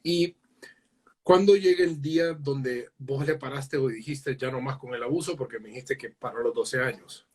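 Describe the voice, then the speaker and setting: A man's voice: mid-range voice, normal speed, husky. Chatty, upbeat male live-stream host. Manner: upbeat, chatty, fond of hearty slang. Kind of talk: live online interview. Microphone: new studio microphone.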